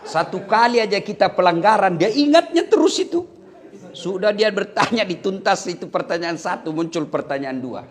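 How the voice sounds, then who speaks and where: A male preacher delivers a humorous sermon full of jokes and stories. His voice sits a little high and leaps up and down with lively expression. He keeps an animated, teasing manner throughout. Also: moderate pace. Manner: animated, joking, storytelling. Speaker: Islamic preacher.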